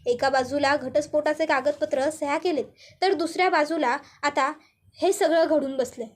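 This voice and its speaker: A woman's voice: sits high, moderate pace, natural voice. A woman voicing a worried young woman who speaks in a troubled, questioning way.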